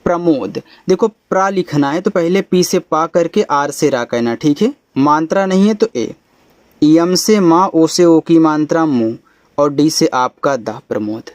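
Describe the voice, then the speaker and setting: Slow, patient male teacher. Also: fairly high pitch, darkish tone, no room sound. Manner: slow, patient letter-by-letter explaining. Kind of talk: spelling lesson.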